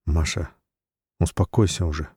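A steady, unflustered husband speaks low and firm, as the male narrator voices him. His voice is deep and mellow. It sounds dry and close. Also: moderate pace, dry recording, close to an everyday voice. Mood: calm firm. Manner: calm, firm, even. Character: calm, weary man in debt, middle-aged.

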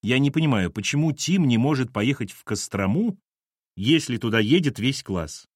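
A man's voice: mid-range voice, animated, normal speed, husky, dry recording. A man reading an audiobook, voicing a weary, sarcastic divorced man with a dry, irritated delivery. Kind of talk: audiobook character voice.

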